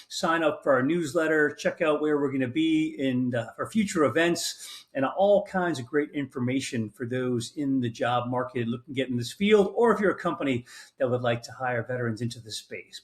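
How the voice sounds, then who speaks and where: Upbeat male podcast host. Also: fairly high pitch. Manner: enthusiastic, with frequent "uh" fillers and restarts. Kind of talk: casual interview.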